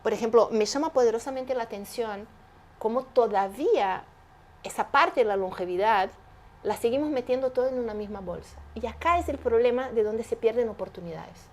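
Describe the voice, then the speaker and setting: Speaking briskly in a voice on the high side, this woman is an entrepreneur being interviewed in a lively exchange. Her explanations are emphatic, and rhetorical questions come up often.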